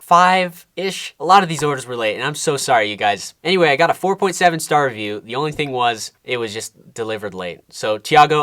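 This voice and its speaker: A man talks through his vlog in a quick, chatty voice-over. He sounds upbeat and now and then laughs between phrases. Light music plays quietly under him. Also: mid-range voice. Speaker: YouTuber narrating a building challenge. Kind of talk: casual vlog narration.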